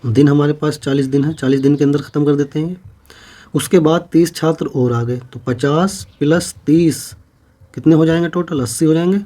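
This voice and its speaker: Mellow-voiced male maths teacher. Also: a little high, fairly even intonation, fairly quick. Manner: works problems step by step, repeating each figure as he writes. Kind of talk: exam-prep maths lesson.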